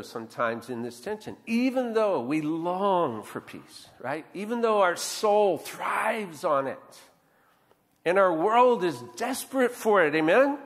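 Man, pastor, conversational sermon, high voice, long church-hall reverb. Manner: conversational, often adds "right?" to draw in the congregation.

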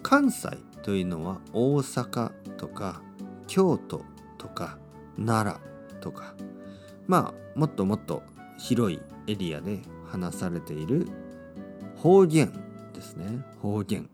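A man from Oita, Japan, teaching Japanese to learners in slow, simple, clearly spoken sentences. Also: faint music behind. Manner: slow and clear, with lively swings in pitch.

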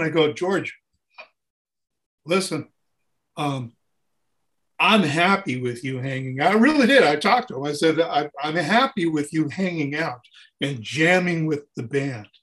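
A touring keyboard player is the guest in an interview, speaking a little slowly in a notably high voice. He tells casual, animated anecdotes like a musician swapping tour stories, acting out dialogue and sounds and repeating phrases for emphasis.

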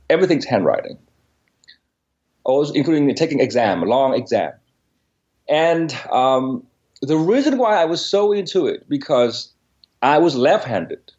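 A man's voice: mid-range voice, darkish tone. Vietnamese guy in his 40s, earnest storyteller, repeats words a lot, kinda muffled audio. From northern Vietnam. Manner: earnest, repeats words while searching for them. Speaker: interview guest. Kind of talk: storytelling in an interview.

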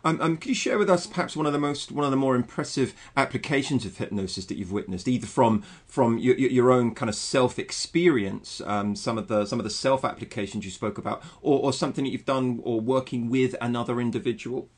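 A man hosts the interview, working his way through long questions with repeated "um, um" restarts. His voice sits at an ordinary pitch. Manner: halting, many "um, um" restarts.

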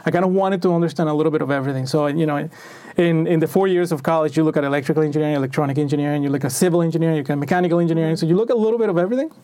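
This man, a packaging engineer from Venezuela, gives an interview in a fairly high, mellow voice, talking very fast. His answers are considered and conversational, peppered with fillers and repeated restarts.

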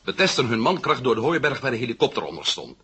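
A man's voice: medium pitch, sing-song, fast, slightly rough, exaggerated voice. A man voicing a defiant, sarcastic adventurer held for questioning. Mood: recounting. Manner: sarcastic, defiant, sharp swings in loudness. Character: defiant male adventurer under arrest, sarcastic.

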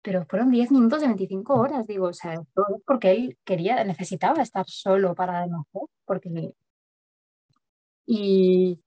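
A woman's voice: medium pitch, warm tone. A woman, telling a personal story as an interview guest in a chatty way full of fillers. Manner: rapid, chatty, many verbal fillers. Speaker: guest mother recounting a home birth.

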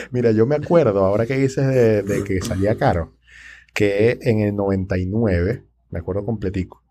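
Low, mellow-voiced man. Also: measured pace. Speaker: podcast panelist. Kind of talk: casual tech podcast chat.

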